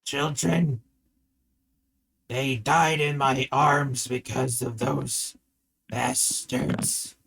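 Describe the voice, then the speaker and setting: A man voicing a captured male ogre who answers in slow, heavy, bitter lines. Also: medium pitch, steady tone, creaky, fairly bright tone, slight background noise, full character voice.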